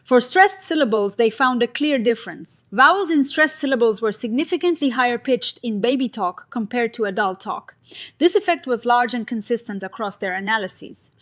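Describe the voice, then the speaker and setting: A woman with a somewhat high voice narrates a science explainer from a script. She lays out research findings in a clear, upbeat way and uses everyday comparisons to make ideas easy to follow. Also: expressive, moderate pace, a bit bright.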